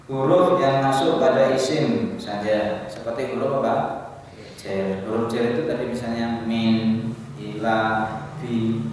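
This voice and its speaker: A man's voice: mid-range voice, a little mellow, a little hiss or hum. A man teaching a religious study class, asking the audience questions and answering them himself. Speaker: Islamic teacher. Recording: echoey hall from a distance.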